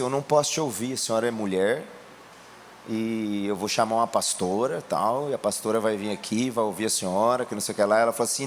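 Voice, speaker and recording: A Brazilian man preaching a sermon, telling a testimony in a colloquial way and rising to shouts. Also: medium pitch, a little hiss or hum. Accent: Brazilian Portuguese. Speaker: pastor.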